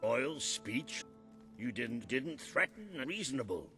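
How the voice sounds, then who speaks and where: An older man with a British accent playing a gruff, hearty old soldier and mentor in a video game, with a husky voice. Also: mid-range voice, very animated, takes it slowly, pushed and bright, soft background music, exaggerated voice. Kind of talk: video game character acting.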